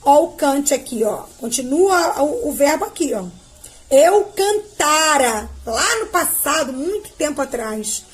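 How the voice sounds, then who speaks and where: A Brazilian woman teaching a grammar lesson to children, drawing out verb forms patiently and checking in with a quick "tá?". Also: high-pitched, expressive. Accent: Brazilian Portuguese. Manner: ends phrases with a checking "tá?". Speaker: primary school teacher.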